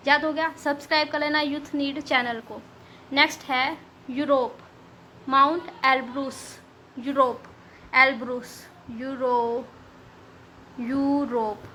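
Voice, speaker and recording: A woman's voice: high voice, bright, forceful tone, a little hiss or hum. A woman teacher giving a playful exam lesson on memory tricks, repeating key words as she draws them out.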